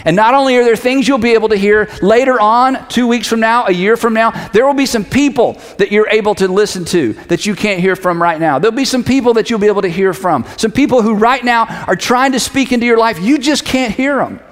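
A middle-aged pastor delivers a conversational sermon to an audience in a large hall, speaking emphatically and repeating key phrases. His voice sits high and moves fairly quickly with few pauses. The hall's reverberation is clearly audible in the recording.

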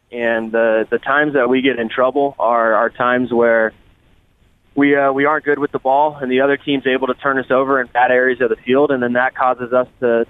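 A man calling in on speakerphone while he drives, talking in a relaxed, halting way. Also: medium pitch, clear, resonant tone, dry recording. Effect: on speakerphone in a car. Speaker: guest player. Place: driving in a car. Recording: tinny phone line.

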